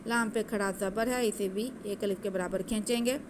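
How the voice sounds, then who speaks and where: A woman teaching Quranic recitation, patiently explaining each letter and then chanting the words slowly. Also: medium pitch, steady tone, heavy background noise.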